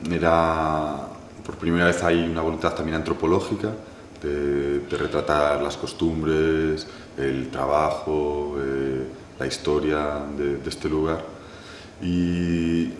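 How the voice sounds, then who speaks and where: Guy w a super low voice, thinks out loud, lots of pauses, echoey room. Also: a little hiss or hum. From Galicia, Spain. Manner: thoughtful, many pauses, restarts and "¿no?" tags. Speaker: filmmaker. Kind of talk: reflective interview answer. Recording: echoey room with faint ambience.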